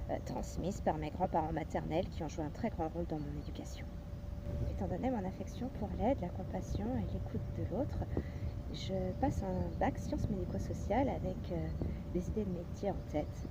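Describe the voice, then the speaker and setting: A woman in her thirties, a personal development coach, narrating her own story in a measured, earnest way with occasional hesitations. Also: on the low side. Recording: steady background noise with passing traffic.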